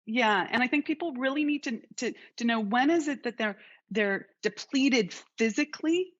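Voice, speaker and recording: A woman's voice: a little high, lively intonation, normal speed. Woman host with dull lo-fi sound. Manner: thoughtful, restarts phrases, steers the talk. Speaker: podcast host. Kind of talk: casual interview chat.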